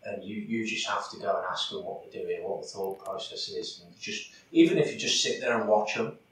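A man's voice: lowish voice, a little fast. Man, casual podcast chat, distant and roomy sound. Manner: chatty, full of fillers. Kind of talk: casual chat about angling. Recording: echoey, far from the mic, faint background noise.

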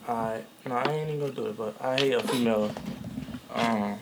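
A man's voice: mid-range voice, a little fast, very noisy. A young man from Chicago, a podcast guest rambling in slangy casual chat. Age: young adult. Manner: rambling, slangy, full of fillers.

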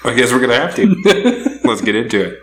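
A man from Idaho hosting a podcast, easygoing and quick to laugh as he asks questions. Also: mid-range voice, very animated. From Idaho, USA. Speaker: podcast host. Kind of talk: casual interview. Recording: echoey room.

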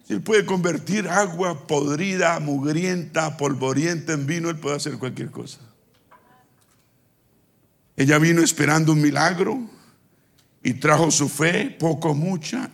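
Male preacher, high gravelly voice, slow call-and-response sermon. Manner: shouts at peaks.

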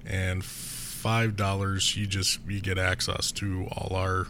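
A man co-hosting a podcast in casual, sweary chat, sounding rough and sick with flu. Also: sits low, flat delivery, slow pace, sharp tone. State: rough, under the weather with flu. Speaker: podcast co-host. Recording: noticeable background noise.

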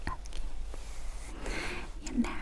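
A woman whispering gently through an ASMR roleplay as a clinician greeting and questioning a client. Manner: soft unvoiced whisper, gentle and slow. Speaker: ASMR creator playing a clinician. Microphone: close sensitive mic.

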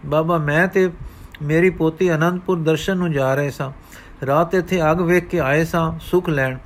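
A man's voice: a little high, steady tone, normal speed, close to an everyday voice. A man voicing a grieving old grandfather who pleads and prays in sorrow, in a read-aloud story. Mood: sorrowful pleading.

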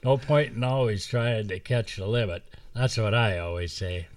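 A man's voice: on the low side, normal speed, no room sound, close to an everyday voice. A man reading a nervous country boy. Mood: eager. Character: nervous young country boy, fishing buddy. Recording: distant mic in a dry room.

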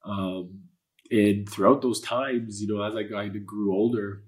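A low-voiced, earnest man from Canada, whose first language is Polish, speaks as a guest in a candid personal interview. His intonation is fairly even and his pace measured. He comes across as earnest and spiritual, rambling with lots of fillers and curse words.

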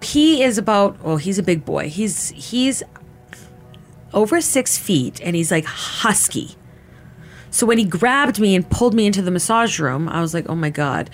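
A woman's voice: medium pitch, expressive, measured pace, faint music behind. Woman in her thirties recounting, casual speech. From Canada. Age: 30s. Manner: casual, full of "like" fillers, quotes herself. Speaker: interviewee. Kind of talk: personal testimony.

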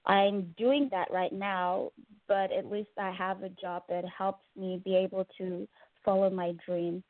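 A singer-songwriter from Zimbabwe, a woman, answering interview questions calmly and politely over the phone. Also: medium pitch, measured pace, dry recording. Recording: tinny dry phone line.

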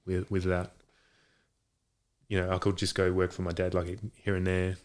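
A man's voice: low voice, monotone, moderate pace, clean tone. A man in a casual chat as a guest, talking in a hesitant, rambling way. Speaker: podcast guest, boxing coach. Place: home garage.

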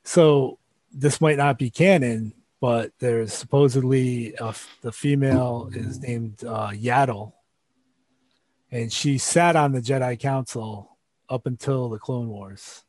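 A relaxed male podcast co-host with a medium-pitched voice, chatting and joking with his partner. The sound is close and dry, with no room around it. He drifts into fan speculation in an easy, unhurried way. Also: dry recording. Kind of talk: casual podcast banter.

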